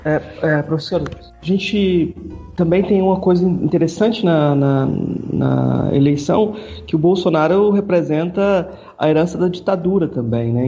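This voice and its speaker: A man's voice: a little high, mellow. A man hosting a podcast, asking a guest questions and groping for words, repeating himself before he gets to the point. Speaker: podcast host. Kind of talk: interview questions. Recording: dull, lo-fi audio with faint music.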